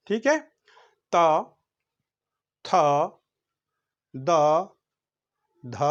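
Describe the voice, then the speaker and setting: A man's voice: fairly high pitch, a bit bright, lo-fi sound. A man teaching a grammar lesson, sounding out letters one at a time and asking questions he then answers himself.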